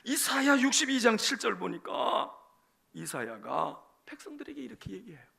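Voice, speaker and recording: A man, a senior pastor, preaching a sermon, animated, acting out dialogues and putting questions to the congregation. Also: very high-pitched, normal speed, creaky, breathy edge.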